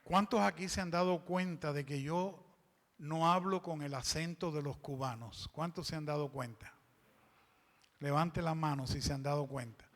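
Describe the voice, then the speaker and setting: A pastor with a slightly high, fairly bright voice delivers a sermon in a church hall, reading scripture aloud, explaining it, and asking the congregation to fill in the words. The hall's long reverb surrounds him.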